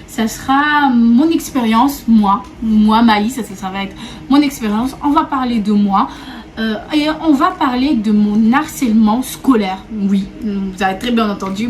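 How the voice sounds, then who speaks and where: A young vlogger from Réunion chats casually to camera in a storytime video, her voice a little high. She repeats herself, laughs a lot, and keeps addressing her viewers as "mes go".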